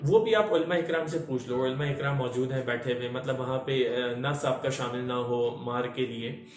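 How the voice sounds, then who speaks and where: A man's voice: medium pitch, moderate pace. A man in his thirties giving an earnest parenting talk, repeating key lines and asking the audience rhetorical questions. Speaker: motivational speaker. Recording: echoey room with faint music.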